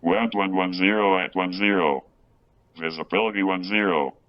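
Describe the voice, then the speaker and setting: A man reading a recorded airport weather broadcast in steady, clipped aviation phraseology, heard as a playback. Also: low voice, normal speed, lo-fi sound. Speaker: airport information broadcast reader.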